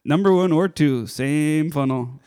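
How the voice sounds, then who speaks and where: A man's voice: a little high, slow pace, dark tone, clear, resonant tone. A man co-hosting a comedy podcast, riffing casually and often laughing mid-line. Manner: giggly, laughs through his lines. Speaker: podcast co-host.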